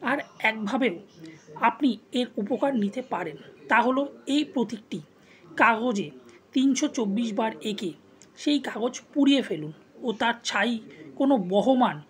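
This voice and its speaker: A woman tarot reader calmly explaining a protective symbol to viewers, in a measured instructional tone. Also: a little high. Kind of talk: instructional spiritual talk.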